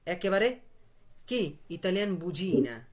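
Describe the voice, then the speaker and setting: A man teaching a live online language class over a video call, repeating words slowly and breaking them into syllables. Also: high-pitched, expressive.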